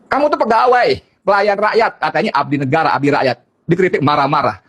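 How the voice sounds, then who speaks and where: A man's voice: on the high side, expressive, fast talker, fairly bright tone, husky. A middle-aged man delivering a heated political monologue, combative and mocking, repeating his points and scolding his target directly. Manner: addresses target directly and scornfully. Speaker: political commentator.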